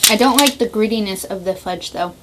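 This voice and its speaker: A chatty woman hosting a casual snack taste-test, giving blunt opinions at a middling pitch. There is a faint hiss behind her voice. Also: a little fast. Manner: chatty, blunt reactions, frequent laughs. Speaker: vlog host.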